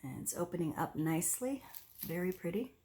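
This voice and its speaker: A woman with a slightly low voice hosts a casual craft demonstration. She talks through each step as she works, unhurried and conversational. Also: expressive, warm tone, poor audio. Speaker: host of an acrylic pour painting tutorial. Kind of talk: casual craft demonstration, narrating as they work.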